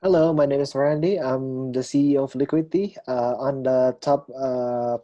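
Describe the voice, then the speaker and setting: A young man introduces himself in a student presentation. He speaks in a hesitant, formal way. His voice is mellow and warm, and the sound is dry and close. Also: mid-range voice, steady tone, normal speed, no echo, dull audio. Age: young adult. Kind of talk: class self-introduction.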